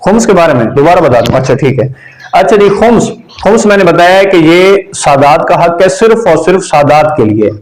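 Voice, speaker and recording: A man with a somewhat high voice teaches a religion lesson to students gathered in a room. He is patient and says each key term slowly. He often stops to check that the class understands. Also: animated, rough recording.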